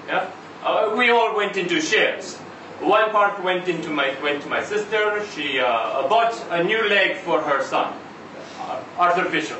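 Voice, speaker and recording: In an echoey indoor venue, a man performs a live dramatic monologue from a short story at a literary event, as a high-pitched, weary truck driver. His pushed, bright and heavily acted voice sounds weary and resigned, halting, rambling and foul-mouthed as he repeatedly seeks agreement. A distant mic picks up faint noise.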